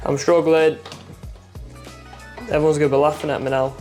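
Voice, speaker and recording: Friendly male hobby vlogger, slightly higher pitch, chatty, laughs at his own mishaps, talking into a phone mic by his tanks. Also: level tone, measured pace, a little mellow, soft background music. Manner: chatty, self-deprecating, laughs at himself. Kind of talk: casual chatty tutorial vlog. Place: indoors at home by his fish tanks. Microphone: clip-on mic, then phone mic.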